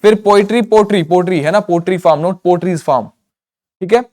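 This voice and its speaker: A man teaching English grammar in an exam-prep lesson, mixing Hindi and English and slowing down on English examples. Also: high-pitched, a little mellow. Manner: explains in Hindi mixed with English, slows down for English examples; repeats words and checks in with "theek hai".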